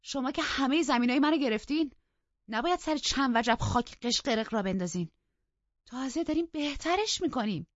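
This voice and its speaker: A woman voicing a bold, defiant young woman who taunts and talks back loudly, in a dull lo-fi recording. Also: on the low side, animated, breathy edge, no echo, full character voice.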